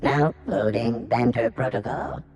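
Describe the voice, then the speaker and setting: A deadpan robot bartender announcing its protocols as it boots up in a video game. The delivery is slow and mechanical, with a gravelly edge. Its pitch still swings widely between phrases. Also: male voice, faint music behind. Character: robot bartender unit running programmed banter. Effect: robot voice booting up and loading protocols.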